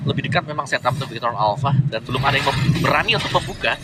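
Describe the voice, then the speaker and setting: A man's voice: medium pitch, very fast. A man giving analytical esports commentary on a match. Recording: loud background noise, distant mic.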